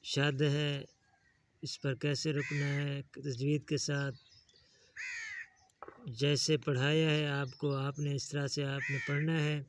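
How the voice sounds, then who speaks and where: A patient man leads a one-on-one Quran reading lesson, coaxing his young student along. His voice sits a little high for a man, and he talks slowly. He stretches each letter name out in long, drawn sounds when he models the reading. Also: monotone, a little hiss or hum.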